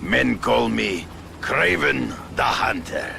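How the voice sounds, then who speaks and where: An actor playing a proud, menacing Russian hunter with a Russian accent, imposing and condescending, in a video game. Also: male voice, medium pitch, lively intonation, slow, creaky, pushed and bright, a little hiss or hum, full character voice.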